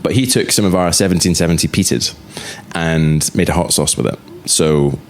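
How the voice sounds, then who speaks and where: Very deep-voiced Scottish man. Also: normal speed, a little hiss or hum. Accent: Scottish, north-east. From Aberdeenshire, Scotland. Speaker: distillery representative, podcast guest. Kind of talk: casual podcast conversation.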